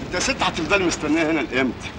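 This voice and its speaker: An actor playing a helpful passerby, speaking with an Egyptian accent in an old film. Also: male voice, on the high side, animated, racing, close to an everyday voice. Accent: Egyptian Arabic. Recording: hissy old film with street noise.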